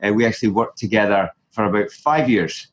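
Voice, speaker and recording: A middle-aged man hosting a medical podcast, asking questions in a relaxed, friendly way with fillers. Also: on the low side, fairly quick. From Canada. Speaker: podcast host, family physician. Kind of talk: casual interview.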